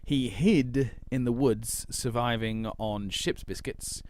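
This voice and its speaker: A man's voice: medium pitch, slow, darkish tone, a little hiss or hum. A man of around forty, co-hosting a casual chat and telling stories in a wry, hesitant way with many ums. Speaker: podcast co-host.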